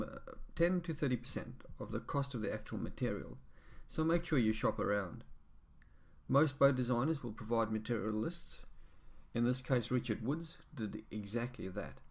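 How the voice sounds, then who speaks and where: A man narrating a home boatbuilding project as an instructional voice-over, explaining steps in a measured, practical way. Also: on the low side, creaky. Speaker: amateur boatbuilder.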